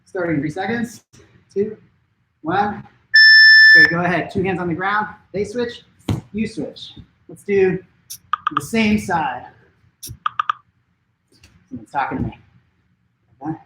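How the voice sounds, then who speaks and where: A man teaching a martial arts class at home, giving brisk step-by-step coaching cues to follow along. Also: sits high, big pitch swings, roomy sound, heavy background noise. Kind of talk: live-streamed class instruction. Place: home training room.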